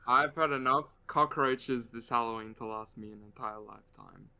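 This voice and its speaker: A man's voice: mid-range voice, normal speed, bright, forceful tone, clear, resonant tone. An Australian man co-hosting a casual chat while drawing, with dry, jokey asides. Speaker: co-host.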